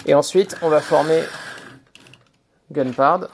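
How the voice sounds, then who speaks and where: A man's voice: fairly high pitch, takes it slowly, a little hiss or hum. A man giving a hands-on toy review, explaining step by step with many hesitations and fillers while he handles the toy. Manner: hesitant, filler-heavy explaining, "donc voilà".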